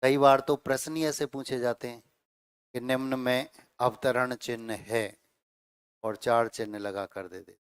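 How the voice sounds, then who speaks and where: A man's voice: medium pitch, steady tone, clear, resonant tone, no room sound, studio quality. Man teaching Hindi grammar in class. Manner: explains slowly with repeated phrases and checks like 'theek hai'. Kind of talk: classroom lecture.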